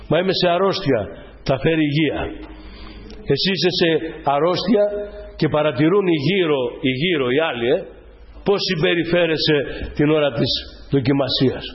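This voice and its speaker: Emphatic male preacher, lo-fi recording. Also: fairly high pitch. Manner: emphatic, repeats key phrases. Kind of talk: sermon.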